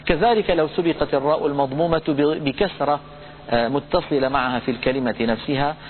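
A man giving a recitation lesson, explaining pronunciation rules in a calm lecture and chanting example words slowly. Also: on the high side, a little hiss or hum. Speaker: Quran recitation teacher. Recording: tinny phone-like lo-fi audio.

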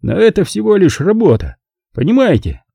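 A man's voice: high-pitched, huge pitch swings, normal speed, vocal fry, mellow, slightly rough, dry recording, studio quality, pitched above the performer's own voice, heavily acted. Man doing a weary clipped English aristocrat. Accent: clipped upper-class London. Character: aging aristocratic English racing driver, weary.

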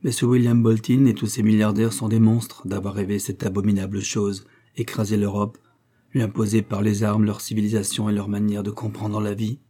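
A young French inventor brooding over his thoughts, as a male audiobook reader puts him on. He speaks in a low, husky, mellow voice. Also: flat delivery, brisk, natural voice. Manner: brooding inner monologue.

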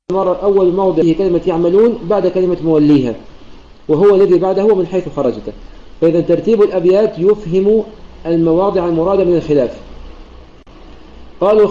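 A man's voice: high voice, dark tone, roomy sound, dull audio. A man teaching Quran recitation in a methodical lesson, quoting verses and poetry lines and restarting phrases to clarify, heard over an online voice chat room. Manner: quotes verses and poetry lines while explaining. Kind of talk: explanatory religious lesson.

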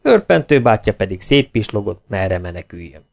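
A man reading a children's audiobook aloud, expressive, dropping his voice on the narration tags. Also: lowish voice, gravelly. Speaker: audiobook reader.

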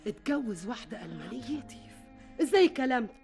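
Worried Egyptian mother, indignant, high and rapid, radio play. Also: very animated, vocal fry, darkish tone, soft background music. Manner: exclaiming, indignant. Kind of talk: radio drama acting.

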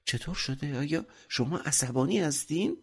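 A man voicing a sly, unhurried young farmhand. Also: a little high, lively intonation, gravelly, breathy edge, voice pushed up, full character voice.

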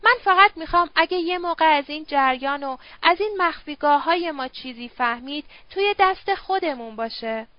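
A woman voicing a drunk, smooth-talking middle-aged male opium user who coaxes and wheedles. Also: high-pitched, lively intonation, hardly any pauses, no room sound, muffled recording. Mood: coaxing. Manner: wheedling, slurred persuasion.

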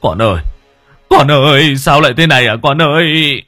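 A man doing a rattled, gruff village chief. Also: a little high, normal speed, pushed and bright, no room sound, studio quality, soft background music, voice pushed up. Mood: wailing. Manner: stammering when scared, gruff when angry. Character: frightened, stern middle-aged village chief. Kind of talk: storybook narration.

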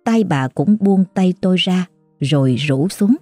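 A woman narrating a horror story in an emotive, dramatic manner, over soft background music. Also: lowish voice, animated, unhurried, no room sound.

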